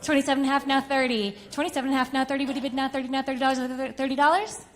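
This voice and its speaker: A woman from Kansas City doing a rapid auctioneer chant, repeating bid numbers rhythmically. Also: high-pitched, little pitch movement, background noise. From Kansas City, United States. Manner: rhythmic, repetitive bid calling. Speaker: auctioneer, contest competitor.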